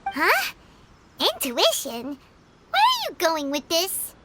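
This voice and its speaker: Tiny chirpy game sidekick girl, squeaky and very high, bouncing all over, loud music behind. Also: wildly swooping pitch, slow pace, heavy background noise, full character voice. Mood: excited, curious. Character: tiny floating girl companion, chirpy and excitable.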